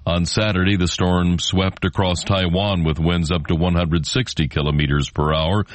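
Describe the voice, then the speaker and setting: Deep-voiced American male newsreader, close and dry. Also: level tone, moderate pace, dry recording. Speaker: radio news anchor. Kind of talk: scripted news reading.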